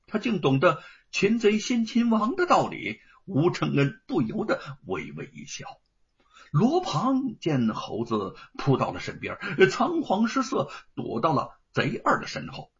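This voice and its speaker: Husky, animated male storyteller. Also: high-pitched, measured pace. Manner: animated, acting out scenes. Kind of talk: dramatic storytelling. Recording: dull lo-fi recording.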